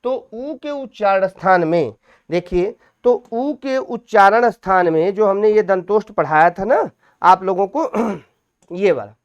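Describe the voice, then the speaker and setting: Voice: medium pitch, unhurried. A Hindi grammar teacher giving an exam-prep lecture, asking questions aloud, answering them, and repeating each point. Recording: dull lo-fi recording.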